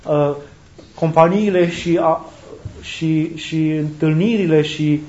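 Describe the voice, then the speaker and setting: Earnest priest preaching in a roomy space. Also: male voice, a little high, fairly even intonation, warm tone. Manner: earnest, repeats key phrases for emphasis. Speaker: Orthodox priest. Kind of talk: sermon. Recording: roomy, dull lo-fi recording.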